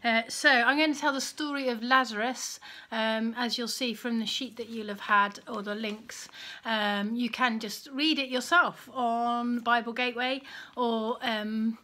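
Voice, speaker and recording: Slow, bright-voiced woman storyteller. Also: a little high. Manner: slow, expressive reading with hushed passages. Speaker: Sunday school storyteller. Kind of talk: reading a children's Bible story aloud.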